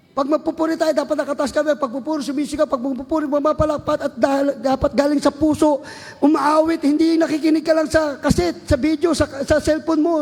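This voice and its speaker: High-pitched Filipino preacher shouting praise. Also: male voice, vocal fry, in a large hall. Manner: exhorting, bursts into shouted praise. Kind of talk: sermon.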